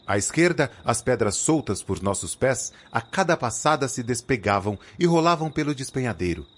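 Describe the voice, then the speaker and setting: A man narrating a dark audiobook in an expressive storytelling voice over background music. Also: mid-range voice, moderate pace.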